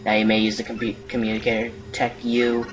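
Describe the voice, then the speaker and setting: A man's voice: on the low side, monotone, brisk, far from the mic, slight background noise, natural voice, low-quality recording. A man reading a formal quiz computer.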